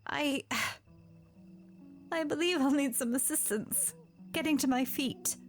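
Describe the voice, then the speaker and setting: A woman plays an exhausted young princess for an audio drama. The voice is high and slow, with halting, formal, polite phrasing. She sounds earnest, flustered and worn out, with soft music behind her. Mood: weary, grateful. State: tired, breathy sighs. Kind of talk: fan audio drama acting.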